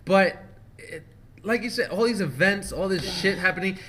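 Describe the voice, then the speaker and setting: High-voiced, excitable, swearing man. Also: normal speed, a little hiss or hum. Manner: excitable, profane, laughs often. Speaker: podcast host. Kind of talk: casual chat.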